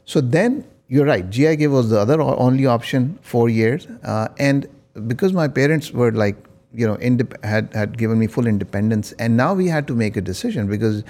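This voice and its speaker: A man's voice: medium pitch, animated, a little fast, darkish tone. A middle-aged man with a Pakistani accent reminisces casually as an interview guest, code-switching and often checking that the listener follows. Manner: conversational, often seeking agreement with "right?". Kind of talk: casual reminiscing, mixing English and Urdu.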